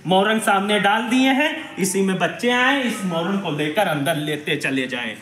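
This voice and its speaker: A man, a social activist, reporting indignantly and emphatically while walking around a village primary school, speaking loudly to the camera. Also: sits high, moderate pace, reverberant, slight background noise. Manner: indignant, emphatic, loud denunciation. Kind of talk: on-the-spot investigative video report.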